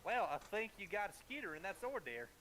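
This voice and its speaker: A man's voice: high voice, big pitch swings, fairly quick, bright, forceful tone, a little hiss or hum, heavily acted. A man voicing a folksy, curious, simple-minded rustic in a tabletop game. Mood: amused, curious. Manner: folksy, naive questioning.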